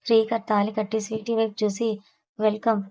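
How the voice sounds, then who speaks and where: A woman's voice: medium pitch, flat delivery, brisk, gravelly, darkish tone. A woman reading a serialized audio novel aloud as narrator in a plain narrative way. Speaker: storyteller.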